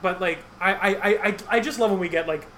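A man's voice: high voice, fairly quick, fairly bright tone, a little hiss or hum. A man co-hosting a podcast, chatting casually and rambling with lots of fillers. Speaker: podcast co-host. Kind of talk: casual chat recapping a TV show.

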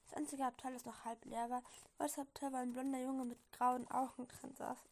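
A woman with a high voice and a gravelly fry reads a fan story aloud in a casual way. She has a slight cold, and she keeps stumbling over words, giggling and correcting herself as she goes. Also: flat delivery, fairly quick. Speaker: reader.

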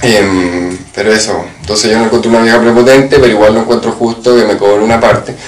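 A young man with a Chilean accent, co-hosting a casual podcast chat and telling animated, profanity-laced stories. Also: fairly low pitch, brisk, roomy sound. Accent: Chilean Spanish. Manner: animated storyteller, swears freely, mimics voices. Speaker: podcast co-host.

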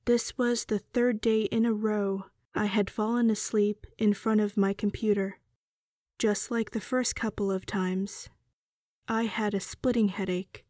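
A woman plays a weary suburban wife telling her own story in an audio drama. She is slow, mellow and wry, recorded dry with music behind. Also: mid-range voice, dry recording, natural voice. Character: weary middle-aged suburban wife narrating her ordeal. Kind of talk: first-person scripted audio drama narration.

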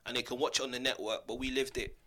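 A man's voice: mid-range voice, little pitch movement, quick pace, sharp tone. A man with an urban London accent, chatting casually and in slang as a podcast panellist.

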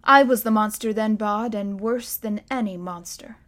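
A grave, weary ancient guardian, as a woman reading a storybook puts him on. He speaks in slow, measured sentences. There is a formal, solemn weight to every line. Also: medium pitch, fairly bright tone, lightly acted.

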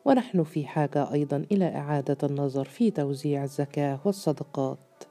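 A thoughtful town physician, read by a man in an audiobook, weighing his words in a measured, reasoning way. The voice is dark and mellow, faint music underneath. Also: a little high, close to an everyday voice.

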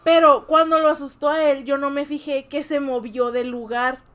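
High-voiced young Mexican woman telling a story. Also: flat delivery, normal speed, over a noisy crowd. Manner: slangy, storytelling, laughs often. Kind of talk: casual chat.

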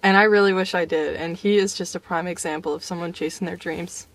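A woman's voice: lowish voice, fairly even intonation, a little fast. A young adult woman co-hosting a casual podcast chat, laughing often as she talks. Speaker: podcast co-host.

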